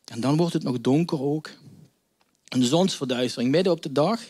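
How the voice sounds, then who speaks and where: A man preaching a sermon to a congregation, dramatic, swinging between loud outbursts and hushed near-whispers. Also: on the high side, moderate pace. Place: church before a congregation.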